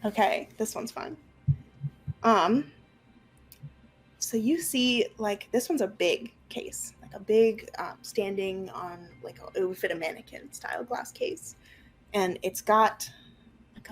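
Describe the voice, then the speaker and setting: A young woman narrating an online tabletop roleplaying game as game master, improvising her descriptions haltingly. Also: mid-range voice, slightly rough, poor audio. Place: room at home, on a group video call. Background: faint music.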